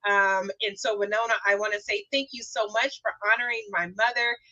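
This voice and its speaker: A woman's voice: medium pitch, steady tone, brisk, bright, forceful tone, no room sound, muffled recording. A woman hosting a live talk show, upbeat and promotional, thanking her guests. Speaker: host and founder of the show.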